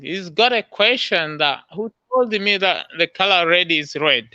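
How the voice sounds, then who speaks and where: A man in a casual street debate, hesitant and animated as he answers. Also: sits high, a little slow, dry recording, muffled recording.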